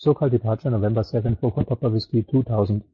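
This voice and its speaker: A man's voice: fairly low pitch, steady tone, fast talker, slightly rough. A man flying a plane, giving clipped, businesslike radio calls and readbacks to air traffic control. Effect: pilot talking over an aircraft radio. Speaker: pilot. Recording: muffled radio sound.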